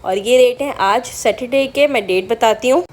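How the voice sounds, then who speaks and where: Chatty woman vlogger, slightly high voice. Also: normal speed. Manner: chatty, often asks viewers directly. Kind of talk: casual vlog voice-over.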